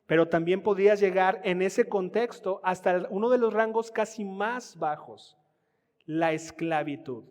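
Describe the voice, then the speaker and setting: A man's voice: sits high, measured pace, darkish tone. A man preaching a sermon with a Mexican Spanish accent, teaching in a conversational way and calling the congregation family. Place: church hall. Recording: long hall reverb.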